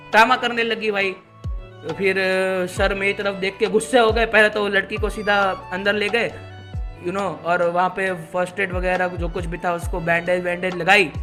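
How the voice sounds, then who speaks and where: Lively young man telling a story. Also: sits high. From Gujarat, India. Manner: animated, slangy, peppered with buddy fillers. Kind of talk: casual storytime vlog.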